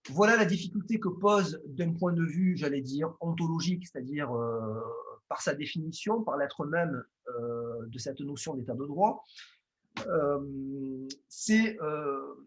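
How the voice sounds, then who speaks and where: A man with a Marseille accent gives a formal lecture on law. His voice sits a little high for a man, and he speaks hesitantly, with frequent "euh" fillers and restarts. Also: unhurried. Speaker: lawyer giving a conference talk.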